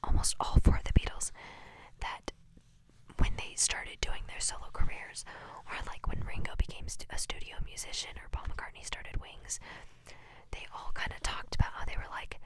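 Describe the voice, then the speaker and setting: Close to the microphone, a young woman who makes ASMR content softly whispers quotes from a book. Between readings she giggles and chats, her asides full of filler words.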